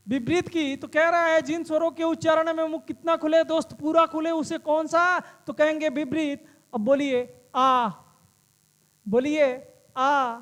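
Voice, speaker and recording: A man's voice: very high-pitched, a bit bright, big-room sound. A male teacher giving an exam-prep lesson, asking the class questions and answering them himself, and calling the students friends.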